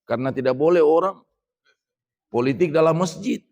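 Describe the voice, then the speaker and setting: Middle-aged guy from indonesia doing a mosque lecture, talks to the congregation like a chat, slows way down for arabic bits. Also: a little high, lively intonation, a little mellow. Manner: conversational, addresses listeners as Pak, recites Arabic slowly. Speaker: ustadz giving a mosque lecture. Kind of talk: religious lecture.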